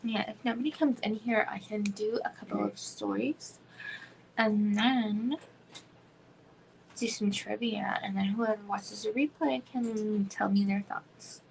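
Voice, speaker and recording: Gravelly-voiced woman chatting on a livestream. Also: mid-range voice, fairly even intonation, unhurried, a little hiss or hum, poor audio. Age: 30s. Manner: rambling, frequent "like" fillers, drops into whispers. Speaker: livestream host. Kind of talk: casual chat.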